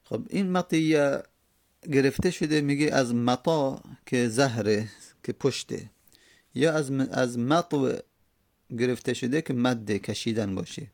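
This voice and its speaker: Gravelly-voiced man teaching Arabic grammar. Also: mid-range voice, a little mellow, dry recording, studio quality. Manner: explains step by step, repeats words slowly to drill them. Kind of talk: classroom lecture on Arabic morphology.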